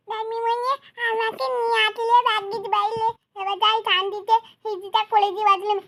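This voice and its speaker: Woman doing a small cartoon boy, high voice, quiet, mumbling, whiny. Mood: sleepy. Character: sleepy whining little boy Tublu. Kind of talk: doll cartoon voice acting.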